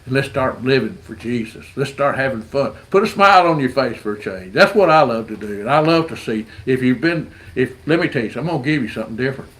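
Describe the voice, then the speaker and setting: A man's voice: mid-range voice, expressive, quick pace, few pauses, a bit bright, rough recording. Earnest man preaching. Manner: earnest, folksy storytelling with stammered repeats. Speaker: street rodder sharing his faith. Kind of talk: evangelistic testimony.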